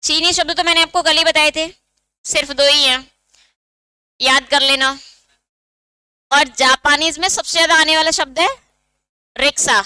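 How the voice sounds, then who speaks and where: A woman's voice: high voice, steady tone, moderate pace, long pauses, pushed and bright, no room sound. A woman teacher giving an exam-prep lesson, explaining step by step and asking her students questions that she answers herself.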